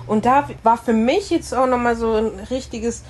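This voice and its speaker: A woman's voice: fairly high pitch, fairly even intonation, normal speed, slight background noise, poor audio. A woman in a casual discussion, thinking aloud hesitantly with many fillers.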